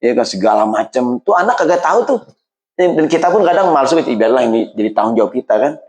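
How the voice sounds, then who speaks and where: Man, casual mosque sermon, slangy and animated, mid-pitched voice. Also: quick pace, low-quality recording. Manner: lively casual preaching with Jakarta slang, rising to high pitch when quoting people. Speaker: preacher.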